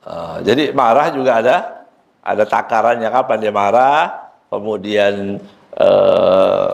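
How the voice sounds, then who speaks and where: A man's voice: slow pace, gravelly, muffled recording. A man, an ustadz, giving a sermon at a book study in a prayer room. He recites Arabic lines and then explains them, and he jokes with the listeners as he goes. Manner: joking, lively swings in pitch, quotes Arabic then explains.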